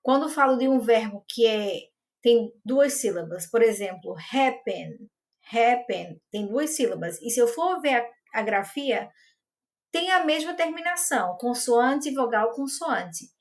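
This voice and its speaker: Woman English teacher, patient and methodical, a touch high-pitched, reads out examples slowly. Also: animated. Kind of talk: explaining grammar to learners.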